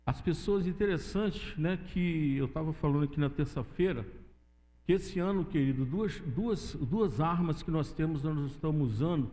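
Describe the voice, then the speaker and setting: A man's voice: a little high, normal speed, warm tone. A man from Brazil giving a preaching testimony in church, often calling listeners "dear". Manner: addresses listeners as "querido". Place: church sanctuary. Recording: long church-hall reverb.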